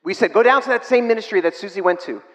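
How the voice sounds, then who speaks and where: High-voiced man preaching in a reverberant hall. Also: quick pace. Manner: storytelling, rising to emphatic bursts, dropping to soft near-whispers. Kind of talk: sermon.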